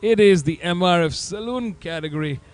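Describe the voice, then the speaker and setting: A man's voice: sits high, normal speed. A man with an Indian accent giving live motorsport commentary in a punchy announcer delivery, with frequent hesitations. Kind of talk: live race broadcast commentary.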